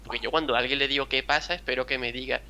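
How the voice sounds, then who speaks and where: This gaming channel host is a young man from a small town near Seville whose mild Andalusian accent colors his bright, mid-range voice. His intonation stays fairly even while he speaks rapid-fire, rambling through casual talk over a video game on a call. He's chatty and likes to act out quotes.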